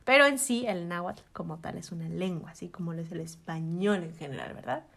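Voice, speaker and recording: A woman co-hosting a podcast talks briskly in a fairly low voice marked by vocal fry. She has a Mexican Spanish accent and an animated, teacherly, casual style, laughing often as she explains.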